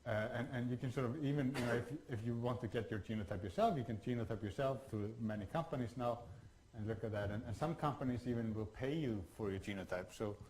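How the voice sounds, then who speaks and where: A man from Iceland giving a workshop lecture, talking in a halting way with many fillers and restarts. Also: medium pitch, darkish tone, slight background noise, low-quality recording.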